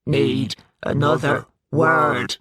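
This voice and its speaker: A woman voicing a hulking, fierce female beast that growls out slow, halting words. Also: low voice, fairly even intonation, a bit bright, slightly rough, dry recording, clean studio sound, pitched below the performer's own voice, full character voice. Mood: growling.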